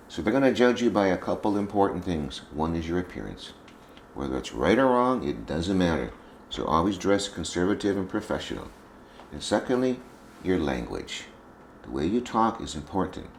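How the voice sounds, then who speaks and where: A man's voice: fairly low pitch, slight background noise. A man giving an informal, conversational lecture to a group of veterinary students. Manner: folksy, conversational, repeats points. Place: conference room with students. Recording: echoey room with faint ambience.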